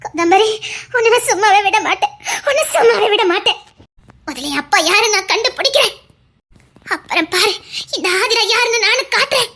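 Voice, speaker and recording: A woman's voice: very high-pitched, lively intonation, fairly quick, sharp tone, full character voice. A woman voicing a heartbroken, orphaned young woman who wails tearfully, with a Tirunelveli Tamil accent. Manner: tearful, wailing.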